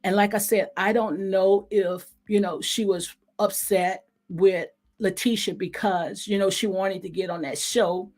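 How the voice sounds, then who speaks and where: As host of a recap show, a woman rambles casually, sounding conversational, sincere, and repetitive. Her slightly hoarse voice is medium-pitched, steady, and a little mellow, unhurried with few pauses, and faint music plays behind her.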